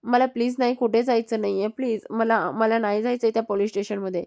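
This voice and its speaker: A woman's voice: fairly high pitch, steady tone, fast, gravelly, mellow. Woman voicing a defiant accused young woman. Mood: protesting. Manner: pleading, protesting.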